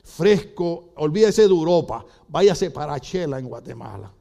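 Preaching in church, an older Puerto Rican man livens up his sermon with funny stories, performing different voices. He speaks at normal speed in a slightly high, gravelly voice.

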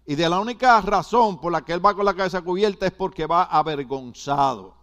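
Older male pastor, high-pitched, preaching with repeated rhetorical questions. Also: a little fast, a bit bright. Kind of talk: sermon.

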